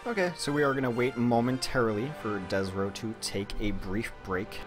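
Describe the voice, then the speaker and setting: A man's voice: medium pitch, moderate pace. A hungry, tired man casting an esports match, laying out the schedule in a matter-of-fact way with dry teasing, with faint music behind. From Chicago. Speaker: esports caster.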